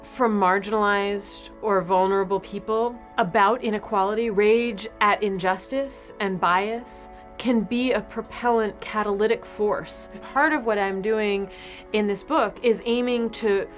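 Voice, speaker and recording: A woman's voice: mid-range voice, fairly even intonation, unhurried, faint music behind. A woman author speaking thoughtfully about her book, with small restarts.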